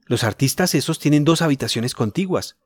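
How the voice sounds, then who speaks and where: A man's voice: a little high, animated, a little fast, no room sound, voice pushed up. A man voicing an eager teenage boy telling the others about a discovery, in a storybook reading. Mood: excited.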